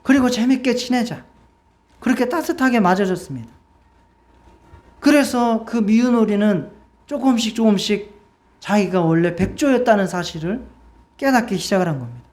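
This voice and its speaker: A woman's voice: medium pitch, lively intonation, moderate pace, long pauses, darkish tone. Woman pastor telling a story in a sermon. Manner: asks the congregation questions. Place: church.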